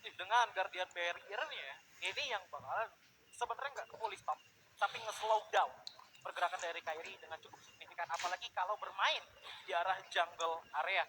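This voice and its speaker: A man's voice: sits high, a little fast. A man with an Indonesian accent giving wordy analytical esports commentary sprinkled with English gaming terms. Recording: noisy live event ambience.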